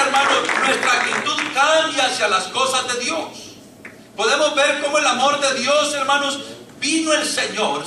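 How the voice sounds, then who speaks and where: High, bright-voiced preacher in an echoey church. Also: male voice, background noise. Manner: impassioned preaching, often addressing the congregation as brother. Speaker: pastor. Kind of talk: sermon. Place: church hall. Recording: echoey church, mic at a distance.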